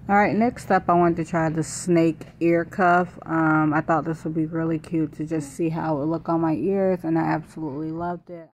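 A woman's voice: low voice, flat delivery, moderate pace, few pauses, a little mellow. A young woman vlogger giving a casual product review and try-on. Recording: noisy home phone recording.

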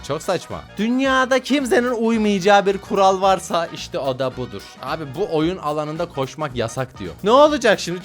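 Male reaction host, high and very lively delivery, sarcastic and incredulous, faint music underneath. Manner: incredulous, sarcastic ranting with frequent laughs. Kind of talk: comic reaction commentary.

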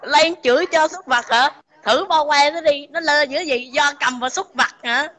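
A woman's voice: high-pitched, normal speed, sharp tone. A woman chatting on a livestream in a casual, mocking way.

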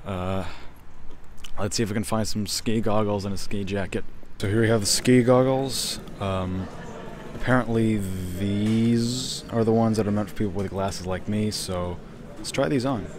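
A young man from Switzerland vlogging into a handheld phone camera as he shops and walks around town, with relaxed, wry commentary. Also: on the low side, normal speed, a little hiss or hum. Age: young adult. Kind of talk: casual vlog narration. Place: shops and streets of a town, indoors and outdoors. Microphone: phone camera held by hand.

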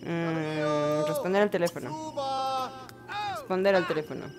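A woman giving casual let's-play commentary, chatting to her game characters with bursts of excited exclamations. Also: deep voice, measured pace, over loud music. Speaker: gaming channel host.

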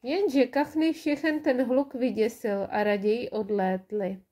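A woman reading a children's audiobook in a warm, lively storytelling way. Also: fairly high pitch. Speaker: storybook reader.

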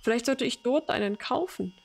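A woman's voice: a little high, moderate pace, creaky, voice pushed up. A woman voicing an elderly mother who is sweet, doting and forgetful, reading a game's dialogue aloud. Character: confused elderly mother, gentle then frightened.

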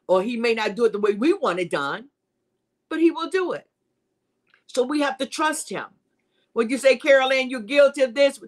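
A woman hosting a live-streamed devotional teaching, preaching in a repetitive, emphatic, conversational way and greeting viewers by name. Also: on the high side. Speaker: host and Bible teacher.

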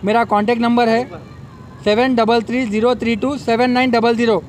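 A man's voice: very high voice, little pitch movement, brisk, a little hiss or hum. A young man, an event organizer giving a promotional press statement into a bank of microphones at an outdoor expo, repeatedly urging customers to come. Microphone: bank of press microphones on a table.

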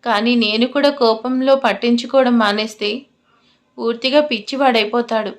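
A woman voicing a caring young man who pleads gently on a phone call between friends. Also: on the high side, steady tone, moderate pace, natural voice. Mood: earnest.

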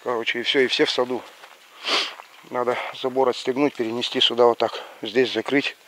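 A man in his forties chats in a casual, rambling way, with a slushy lisp on s and sh. His voice sits at an average pitch for a man. He is outdoors with a handheld camera, with faint rural noise behind him. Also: level tone, brisk, fairly bright tone, low-quality recording. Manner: slushy lisp on s and sh sounds after a pulled lower tooth. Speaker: village life vlogger. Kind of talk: casual rambling vlog chat. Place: outdoors in a village yard and garden. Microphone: action camera held at arm's length.

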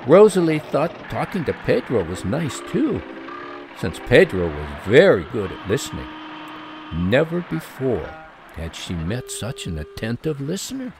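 A man reading a children's story aloud, expressive and gently explaining. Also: medium pitch, measured pace, noisy background.

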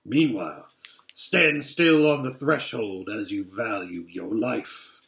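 A menacing wolf guard, as a man reading aloud puts him on, low and cold. He sounds slightly set back from the microphone. The voice carries a threatening storybook edge. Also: slow, gravelly, a bit bright, roomy sound, heavily acted. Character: menacing wolf, chief of secret police.

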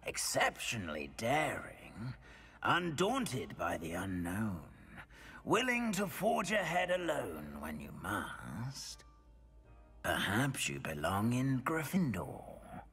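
An actor voicing a wise old magic hat in a video game, speaking slowly in a whispery, musing tone. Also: male voice, mid-range voice, huge pitch swings, fairly bright tone, heavily acted. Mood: pondering. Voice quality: whispery, breathy. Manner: slow, pondering.

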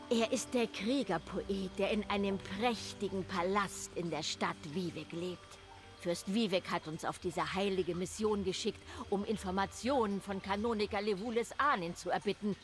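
A woman playing a solemn, devout dark-elf priestess in a fantasy game, speaking formally. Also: medium pitch, fairly even intonation, normal speed, music in the background, natural voice. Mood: reverent, sorrowful. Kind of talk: fantasy game dialogue acting.

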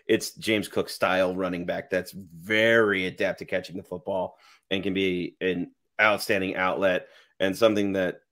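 A man's voice: low-pitched, fairly bright tone. A man on a podcast panel giving his view in a confident, playful way. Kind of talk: casual fantasy football chat.

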